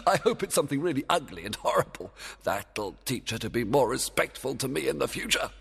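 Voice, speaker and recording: A man's voice: mid-range voice, expressive, brisk, creaky, bright, forceful tone, breathy edge, in a large hall, voice pushed up, full character voice. A man reading a storybook aloud, voicing a proud and scheming fairy king who gives stern commands and gloats. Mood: gloating.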